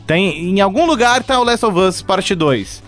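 A man's voice: sits high, lively intonation, a little slow, soft background music. A man in casual podcast chat, easygoing and agreeable.

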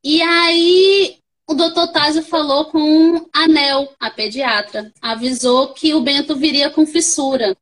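A young woman with a Brazilian Portuguese accent, appearing as a podcast guest, tells her own story in a casual, animated way, acting out other people's voices. Her voice is high and she speaks slowly, on a rough recording.

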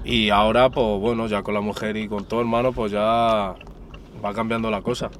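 A man's voice: lowish voice, moderate pace, noisy background. A young man from Spain, an interview guest chatting casually in a car, using lots of street slang and calling the host brother and cousin. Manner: relaxed street slang, says "hermano" and "primo" constantly.

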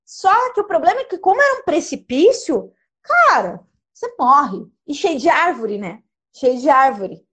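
A young woman telling a dramatic personal travel story in casual, animated chat. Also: sits high. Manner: lively, animated, dramatic retelling with gestures.

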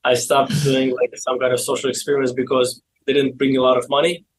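Young Azerbaijani-accented man, slightly husky, telling stories. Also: mid-range voice, monotone, low-quality recording. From Baku, Azerbaijan. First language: not English. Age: 20s. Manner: halting non-native English. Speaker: interview guest, e-commerce seller. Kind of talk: casual interview storytelling.

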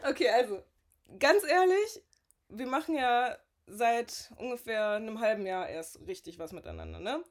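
A woman in her twenties co-hosting a casual podcast, loud and outgoing, often laughing as she talks. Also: on the high side, sing-song, normal speed. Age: 20s. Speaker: podcast co-host. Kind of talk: casual chat.

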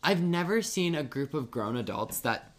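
A podcast co-host in easygoing conversation, talking with a lively, swinging pitch. The delivery is loose and rambling, full of "like" and restarts, with casual swearing. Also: moderate pace. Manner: chatty, lots of "like" and restarts, swears. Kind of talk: casual chat.

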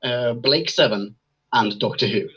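A man in his thirties from Sweden chatting as a podcast guest, with a husky, breathy edge to his voice. He talks in a gushing, self-mocking way at an ordinary middle pitch. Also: measured pace, sharp tone, poor audio. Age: 30s. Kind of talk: casual chat.

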